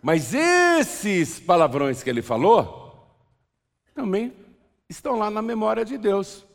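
Lively preacher in a reverberant hall. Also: male voice, high-pitched, slow pace, gravelly. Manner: lively, joking, acts out scenes with a volunteer. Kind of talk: sermon with live role-play.

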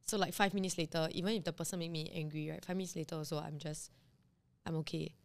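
A woman's voice: low voice, steady tone, fast, creaky. A woman co-hosting a casual chat, talking in a rambling way with many fillers. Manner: chatty, filler-heavy, lots of "like". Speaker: podcast co-host.

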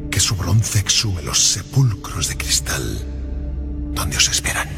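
A man voicing a grim, solemn figure in a video game who is bound to a bronze cornet, speaking in a slow, portentous way. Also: sits low, animated. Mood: ominous. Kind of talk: game voice acting. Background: loud music.

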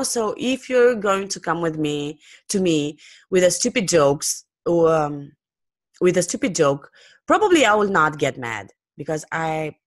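Woman podcast host, unscripted, playful, rambling, lowish voice, dry close sound. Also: no echo. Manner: rambling and lively, with many fillers and restarts; playful, jokey. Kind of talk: unscripted solo podcast talk.

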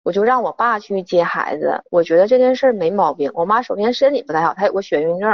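A frightened woman calling in, talking haltingly with many restarts. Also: medium pitch, expressive, no echo, muffled recording. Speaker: caller.

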